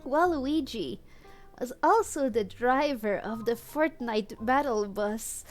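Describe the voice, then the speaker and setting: A woman streamer reads fan fiction aloud casually and comedically, giggling, cracking up easily, acting out the dialogue, and adding amused commentary. Her voice is a little high and animated, her pace slow, with soft music in the background.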